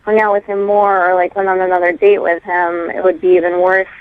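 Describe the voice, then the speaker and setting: A woman's voice: on the low side, flat delivery, brisk, no echo. Hesitant woman over a tinny phone. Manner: hesitant, filler-heavy, apologetic. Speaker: caller.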